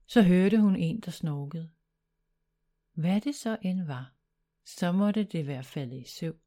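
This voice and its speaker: A woman reading a children's bedtime story aloud in a calm, even storytelling manner. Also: on the low side.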